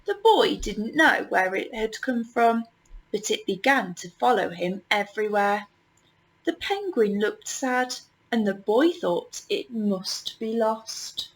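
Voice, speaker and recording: Slow-paced woman reading a children's story. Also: mid-range voice, animated, low-quality recording. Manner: measured, with deliberate pauses. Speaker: storyteller reading a picture book. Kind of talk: children's story read-aloud.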